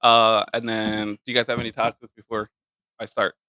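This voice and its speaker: A man's voice: lowish voice, completely flat delivery, normal speed, bright, forceful tone, no room sound. A young man hosting a casual podcast, joking and teasing his guests, swearing freely. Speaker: podcast host.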